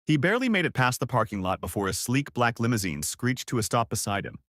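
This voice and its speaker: A man narrating a romance story in an expressive, lively storybook style. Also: medium pitch, fast talker, dry recording, studio quality.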